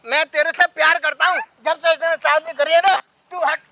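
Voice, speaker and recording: A man's voice: extremely high pitch, level tone, a little fast, gravelly, heavy background noise. A man playing a pleading, lovestruck middle-aged father in a staged family drama, whining and repeating himself outdoors in a park. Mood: defiant. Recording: outdoor recording with crickets behind.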